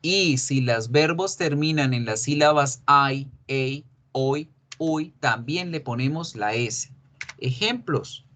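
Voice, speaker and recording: A man teaching an English grammar lesson, explaining slowly and repeating each example. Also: mid-range voice, a bit bright. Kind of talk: recorded online grammar lesson.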